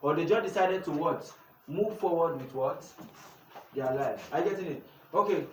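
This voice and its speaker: A man's voice: on the high side, normal speed, a little mellow. A young man with a Nigerian English accent, teaching a youth class and often asking the room to finish his sentences. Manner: call-and-response questioning. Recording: echoey room from far off, noisy.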